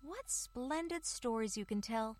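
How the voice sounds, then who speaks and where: A woman voicing a pair of small, curious, squeaky mice in a storybook reading, asking eager questions in a high voice. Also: animated, a little slow, dry recording.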